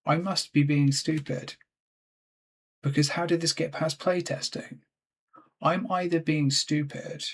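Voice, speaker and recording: A man's voice: a little high, steady tone, unhurried, pauses often, husky. A frustrated man giving gameplay commentary at his computer, swearing constantly and talking to himself. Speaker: let's play gamer.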